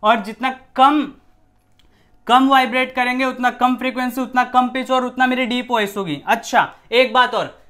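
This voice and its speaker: A man's voice: very high voice, fairly even intonation, normal speed, sharp tone. Male science teacher explaining casually. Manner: repetitive, rhetorical questions, shifts voice to demonstrate.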